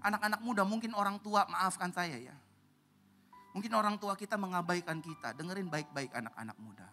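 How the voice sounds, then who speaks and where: A man preaching a sermon as a pastor, animated and swinging from loud to hushed as he acts out other voices. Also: high voice, fairly quick, faint music behind.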